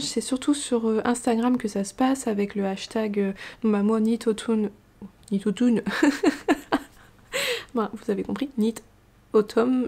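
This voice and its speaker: A woman chatting casually about her knitting projects, rambling with fillers and restarts. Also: a little high. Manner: hushed, half-whispered talk. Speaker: knitting vlogger. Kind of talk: casual chat.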